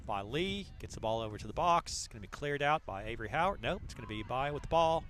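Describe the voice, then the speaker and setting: A man calling a high school soccer match play by play, getting louder and faster as the action builds. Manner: excitable, voice rising to shouts on big plays. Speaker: play-by-play announcer. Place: outdoors at a soccer field.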